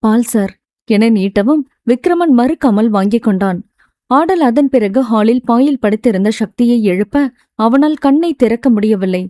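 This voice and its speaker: Woman, audiobook narrator, steady scripted narration, dry close sound. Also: a little high, moderate pace, no echo. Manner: steady storytelling delivery.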